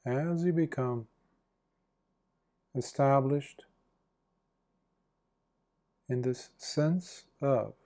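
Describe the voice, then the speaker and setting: Speaking as a Buddhist monk, a man guides a meditation in a mid-range voice, offering gentle short phrases separated by long pauses.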